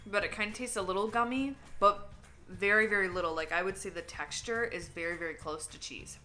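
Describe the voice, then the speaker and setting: A woman's voice: mid-range voice, steady tone, fairly quick, sharp tone. A woman chatting casually while tasting food for a vlog, candid and talkative, sometimes talking with her mouth full. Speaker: vlogger. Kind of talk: casual taste-test vlog.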